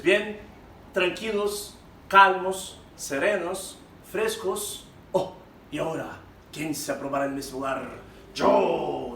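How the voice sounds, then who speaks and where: A Brazilian man with a high voice teaches Spanish to a class, explaining each term in an animated way and speaking straight to his students. He sits well back from the microphone in a roomy, echoing space, with a faint hiss behind him. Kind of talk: classroom lesson mixing Spanish and Portuguese. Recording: echoey room, far from mic, faint background noise.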